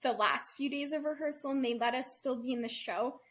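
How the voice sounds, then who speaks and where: A woman's voice: high voice, brisk, a bit bright. A woman in her early twenties co-hosting a podcast, chatting casually with playful, teasing banter. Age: early 20s. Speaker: podcast co-host. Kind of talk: casual chat.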